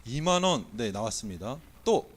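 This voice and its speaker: Speaking at a moderate pace with a medium-pitched, sing-song delivery, this Korean man is a pastor giving a sermon in a church sanctuary. A cold has left his voice weak and hard to project, yet he teases the congregation with quizzes and holds a pretend auction.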